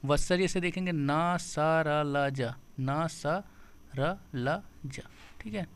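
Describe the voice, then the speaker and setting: Clear-voiced man drilling grammar lessons. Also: on the high side, takes it slowly. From India. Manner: repeats key points as questions to students; drills sounds syllable by syllable. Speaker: teacher. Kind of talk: exam-prep grammar lesson.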